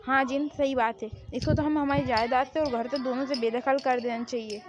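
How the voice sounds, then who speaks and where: A woman's voice: high-pitched, steady tone, fairly quick, background noise, lightly acted. A woman voicing a middle-aged male mafia boss who lectures his daughter sternly, in a homemade fan drama. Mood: indignant.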